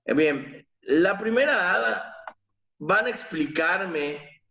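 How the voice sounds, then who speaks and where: Slow-talking male teacher, echoey room. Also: high voice, lively intonation, vocal fry, pushed and bright, muffled recording. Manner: slow, explanatory, counting syllables aloud with fillers and self-corrections. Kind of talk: online class lecture.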